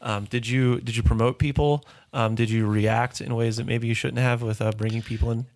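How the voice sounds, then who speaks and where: Male host, laughs a lot, lots of ums, mid pitch, casual interview. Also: steady tone, darkish tone. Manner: laughs often, fills pauses with ums.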